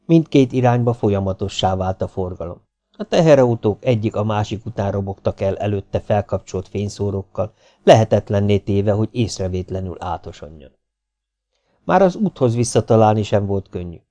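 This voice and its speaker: A man reading an audiobook aloud in a steady, even storytelling manner. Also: fairly low pitch. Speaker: audiobook narrator.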